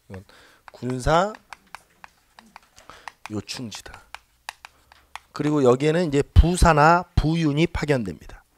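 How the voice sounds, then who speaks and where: A man teaching a live exam-prep history class, teasing his students and leading them in loud call-and-response drills. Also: on the high side. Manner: teasing, talks down to students jokingly. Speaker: civil service exam history lecturer.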